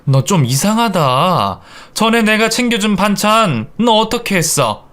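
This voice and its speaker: Man voicing a young husband, radio drama, scolding, exasperated, lively pitch. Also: measured pace, heavily acted. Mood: reproachful. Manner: pleading then scolding. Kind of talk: Korean radio drama acting.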